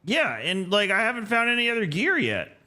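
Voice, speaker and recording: A man's voice: sits high, huge pitch swings, brisk, sharp tone. A man streaming a game, chatting casually and thinking aloud with jokes. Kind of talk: casual gameplay commentary.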